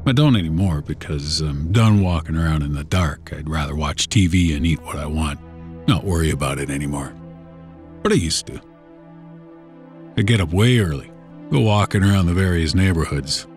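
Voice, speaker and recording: Over background music, a man with a bass voice and a darkish tone tells a first-person horror story. He recounts it casually and unhurriedly, in a folksy, conversational way, as if sharing his own memories.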